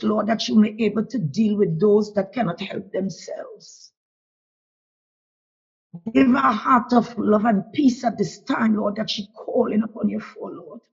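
Her husky voice sits on the high side as this woman from Trinidad, speaking with a Trinidadian accent, pleads through a fervent prayer. "Lord" comes back in a steady, repeated rhythm, captured on a dull lo-fi recording.

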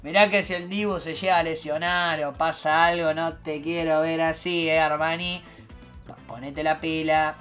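A man's voice: a little high, moderate pace, soft background music. A young man with a Rioplatense accent, streaming a live reaction to a football match, swearing and swinging between outbursts and mutters. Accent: Rioplatense Spanish. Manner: excitable, swearing, shifts from loud outbursts to mutters.

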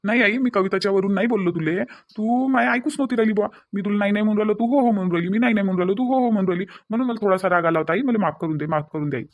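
A man's voice: high-pitched, very fast, few pauses, dry recording, dull audio. A man voicing a young son in a cartoon who defends himself and apologizes to his mother, with a Varhadi Marathi accent. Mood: defensive. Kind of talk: cartoon voice acting.

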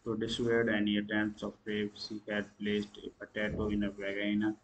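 Male review-channel host, lowish voice, dead-level monotone, halting read-through of a plot summary with stumbles. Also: dull audio, a little hiss or hum. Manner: halting reading with slips and restarts; clears throat and coughs between lines. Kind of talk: read-aloud film summary.

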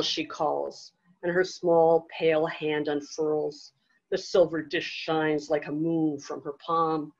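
Woman author giving an unhurried fiction reading, muffled lo-fi event recording. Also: low-pitched. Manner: measured, deliberate reading. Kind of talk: literary reading aloud. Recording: dull lo-fi event audio.

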